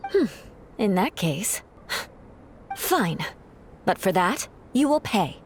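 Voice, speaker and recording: A woman's voice: medium pitch, very animated, slow pace, slight background noise. A woman voicing a proud but kind aristocratic young knight captain with formal, composed, haughty diction in a game. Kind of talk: game voice acting.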